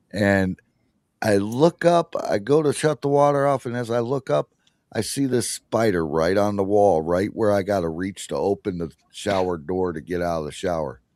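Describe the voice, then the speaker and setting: A man's voice: lowish voice, a little mellow, no room sound. A man hosting a podcast, telling a rambling story in casual chat, interrupting himself and laughing often. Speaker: podcast host.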